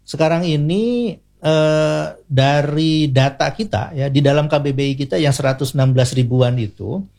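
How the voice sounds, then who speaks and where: Speaking as an expert interview guest, a man with an Indonesian accent explains things didactically, point by point, often tacking on short tag particles. His voice sits on the high side, creaky and a little mellow, at a normal speed.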